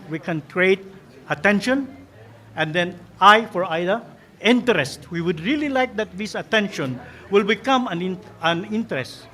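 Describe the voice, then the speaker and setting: Diplomat guy, really high voice, formal and earnest, goes point by point. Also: fairly bright tone. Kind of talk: speech to festival guests.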